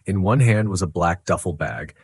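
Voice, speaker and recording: A man narrating a dramatic life story in a scripted, slow and measured way. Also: low voice, a little mellow, breathy edge.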